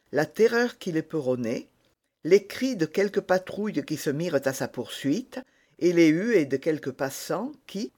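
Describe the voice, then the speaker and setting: A man reading a novel aloud as narrator, slow and measured. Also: fairly high pitch, a little mellow. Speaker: audiobook narrator. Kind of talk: scripted narration.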